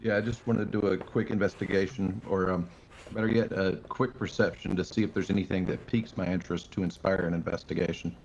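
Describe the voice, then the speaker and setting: Player, man, low and gravelly, matter-of-fact about rolls, lo-fi dull mic. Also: steady tone, quick pace, a little mellow, a little hiss or hum. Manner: declares character actions and rolls plainly. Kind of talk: tabletop game play. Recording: dull lo-fi audio.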